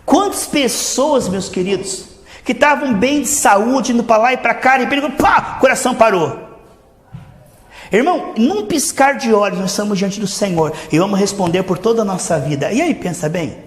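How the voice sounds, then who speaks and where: A high-voiced Brazilian pastor preaches with fervor, pushing some words out loud and dropping others to a low murmur. His voice rings through a church hall with a long, echoing reverb. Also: expressive, moderate pace. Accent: Brazilian Portuguese. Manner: fervent, swings between loud emphasis and low asides. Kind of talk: sermon.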